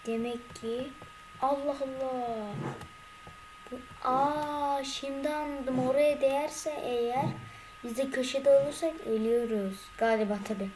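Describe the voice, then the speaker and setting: Young woman, gaming commentary, frustrated outbursts, higher voice, slow talk, noisy recording. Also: steady tone, darkish tone. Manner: increasingly frustrated, exclaiming. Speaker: gaming YouTuber. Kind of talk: gameplay commentary.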